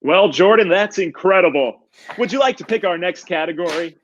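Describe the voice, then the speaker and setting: Actor as smug male game show host, booming prize-announcer style, raised pitch, slightly muffled recording. Theatrical, drawn-out build-ups. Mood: dramatic build-up.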